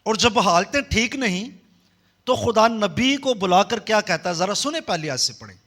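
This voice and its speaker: A man preaching a sermon, leading the congregation in call-and-response and swinging between loud emphasis and soft low passages. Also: animated, normal speed. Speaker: pastor.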